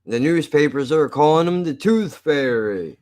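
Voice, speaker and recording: A man's voice: on the high side, animated, a little slow, darkish tone. An American man chatting casually on a live stream, blunt and profane, with slightly slurred, lisping speech as if his teeth are missing. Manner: blunt, profane, self-deprecating.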